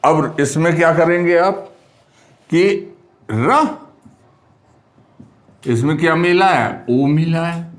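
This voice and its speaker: A man teaching Hindi grammar in a slow classroom explanation, repeating words and spelling out their sounds. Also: on the high side.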